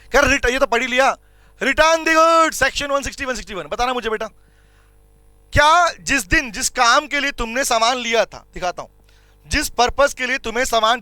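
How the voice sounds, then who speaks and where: A man's voice: very high voice, sharp tone, no echo. A man teaching commerce law in a classroom lecture, explaining with everyday examples, questioning his students and repeating key points. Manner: addresses students as beta and bhai, repeats points; reads English legal lines slowly and deliberately.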